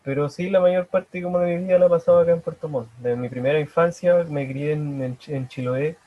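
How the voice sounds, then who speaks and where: A young man with a Chilean accent, a painter answering interview questions in halting, self-correcting casual talk over a video call. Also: a little high, fairly even intonation, highs cut off. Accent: Chilean Spanish. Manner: hesitant, halting, many restarts.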